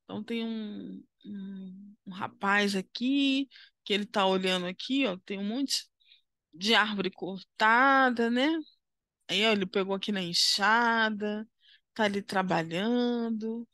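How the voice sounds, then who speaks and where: A slow, patient woman teacher with a Brazilian Portuguese accent and a bright, fairly high voice. She talks a young class through a worksheet, kind and encouraging, checking in after almost every step. The recording is close and dry. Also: dry recording. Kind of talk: primary school lesson walkthrough.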